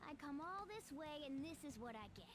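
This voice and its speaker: A woman's voice: high-pitched, lively intonation, moderate pace. A woman playing a snippy, impatient character in a video game.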